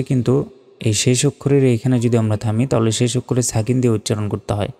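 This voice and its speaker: A man gives a Quran pronunciation lesson in a dark, gravelly voice that stays flat in pitch. He spells out each Arabic letter and vowel mark one by one, then chants the verse slowly. His voice trails off into a long reverb. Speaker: Quran recitation teacher.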